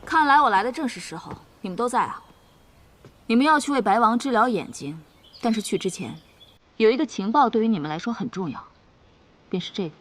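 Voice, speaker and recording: An actress playing the sharp, self-assured female head of an information network, briefing others. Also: a little high, animated, fairly quick, pauses often. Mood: confident. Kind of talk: period drama acting.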